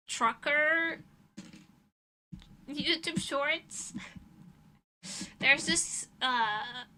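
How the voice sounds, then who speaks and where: On a livestream, a woman illustrator talks casually in a high voice that's strikingly bright and sharp. She rambles through her thoughts bluntly and swears freely while answering chat.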